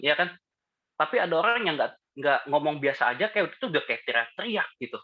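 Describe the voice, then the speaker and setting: A man leading a casual Bible study group, talking conversationally and putting questions to the listeners. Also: medium pitch. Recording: dull lo-fi audio.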